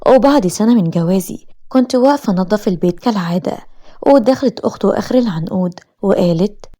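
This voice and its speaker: A woman's voice: mid-range voice, expressive, fast, warm tone. A woman with an Egyptian accent narrating a first-person story in a bitter, plain-spoken way. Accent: Egyptian Arabic.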